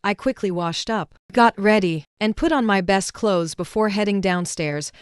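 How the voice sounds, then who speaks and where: A woman reading a first-person story as a steady, even scripted narration. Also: mid-range voice, moderate pace, smooth, no room sound, clean studio sound.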